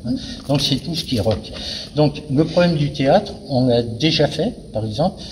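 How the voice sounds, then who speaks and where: Man, venue director, hesitant explanatory interview talk, long reverb, clear background noise. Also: fairly high pitch, expressive, normal speed, a little mellow. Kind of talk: spoken interview about a cultural season. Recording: noisy, very reverberant hall.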